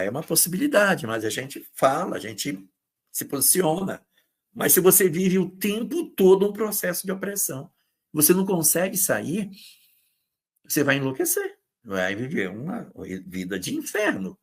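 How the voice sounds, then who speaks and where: A man's voice: fairly high pitch, sing-song, normal speed, breathy edge. A man giving an informal spiritist lecture on relationships, talking conversationally and acting out quoted partners in short bursts. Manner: acts out quoted abusive partners in brief bursts; conversational, with hesitations and reading out viewers' comments. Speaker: spiritist lecturer hosting a live talk.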